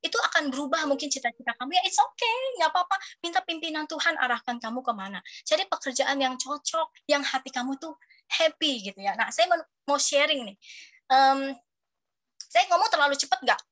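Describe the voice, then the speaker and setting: A woman in her thirties preaching to young people in a lively, chatty way. Her voice sits high and sounds bright and forceful. She keeps asking the room questions to draw them in. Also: fairly quick. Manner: animated and chatty, asks the audience questions. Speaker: youth preacher. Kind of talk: lively youth sermon.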